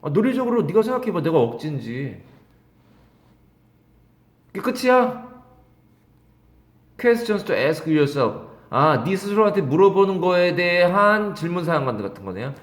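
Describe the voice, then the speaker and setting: A middle-aged male English teacher giving an exam-prep lecture, reading English phrases slowly and then explaining them, often questioning and teasing his students. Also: on the high side, very animated, echoey room.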